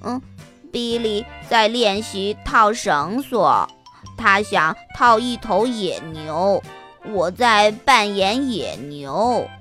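A woman's voice: mid-range voice, animated, takes it slowly, a bit bright, faint music behind. A woman voicing a sensible little earthworm who sighs and doubts, speaking wearily. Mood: matter-of-fact. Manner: sighing, weary and skeptical.

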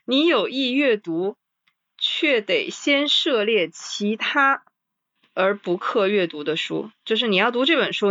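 A woman in a casual podcast chat about books, reading list items slowly and then commenting with sighing interjections. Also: mid-range voice, a bit bright, no echo, lo-fi sound.

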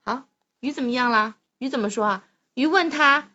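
A woman's voice: high voice, normal speed, bright, forceful tone, dull audio. A woman reading a picture book with a child, prompting with playful, encouraging questions.

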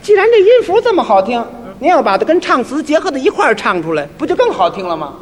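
A crosstalk straight man feeding the lead with quick prompts and questions. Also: high voice, sing-song. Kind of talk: stage crosstalk comedy. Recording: hall with long reverb.

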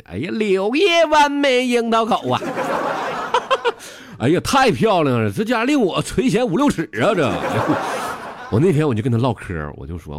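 A man with a mid-range voice and a Northeastern Mandarin accent hosts a comedy podcast against a noisy background. He tells jokes and comic stories in dialect in a rowdy, mock-lecturing style, laughing at his own punchlines.

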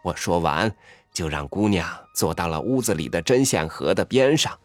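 A man reading a story aloud in a soft, intimate, expressive way, sometimes dropping to a hush. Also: sits low, normal speed, dry recording, faint music behind.

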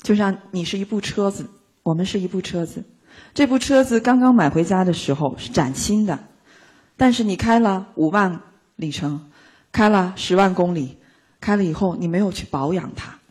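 Very husky woman lecturing. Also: mid-range voice, normal speed. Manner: lively, playful, acts out little scenes. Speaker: speaker teaching a live audience. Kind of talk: motivational talk to an audience.

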